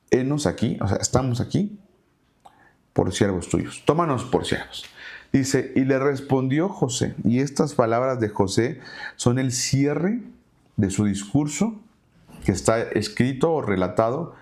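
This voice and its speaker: Reading scripture aloud before paraphrasing it in plain, casual language, a man teaches a Bible study. His voice is lowish with a darkish tone.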